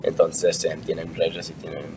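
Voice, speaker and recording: A man's voice: very deep voice, completely flat delivery, normal speed. A young man from Argentina answering interview questions in a casual, hesitant way, with frequent fillers and restarts. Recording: distant mic with clear background noise.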